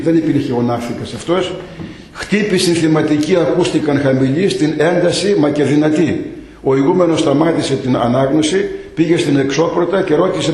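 A man retelling a story to visitors as a guide, with lively asides and acted quotes. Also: fairly high pitch. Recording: echoey room.

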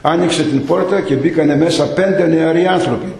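Male storyteller guide, slightly high voice, lively delivery with asides, echoey room. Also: vocal fry. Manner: lively retelling with acted quotes and asides. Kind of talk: oral storytelling to visitors.

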